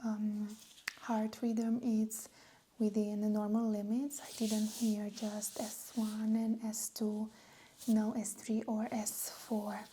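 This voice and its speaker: A woman whispering a medical exam roleplay in a slow, gentle, reassuring way. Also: mid-range voice, completely flat delivery, a little hiss or hum. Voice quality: soft whispery. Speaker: ASMR roleplay nurse.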